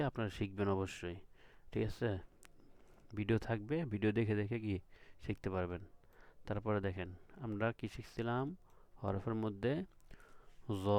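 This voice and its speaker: A Quran reading teacher with a lowish, slightly mellow voice teaches letter sounds to beginners in a recorded lesson. He patiently repeats each sound and checks understanding with questions, and the recording is dry.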